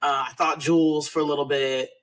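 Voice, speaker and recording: A man's voice: on the high side, flat delivery, fairly quick, fairly bright tone. A man co-hosting a podcast, talking in a casual, rambling way with frequent restarts. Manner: rambling, hesitant, restarts often. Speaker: podcast co-host. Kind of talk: casual chat.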